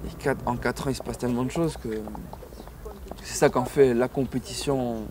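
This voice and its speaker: A man's voice: medium pitch, little pitch movement, normal speed, a little mellow, slight background noise. A young man, a rugby sevens player, speaking casually and reflectively in an outdoor interview, often trailing off.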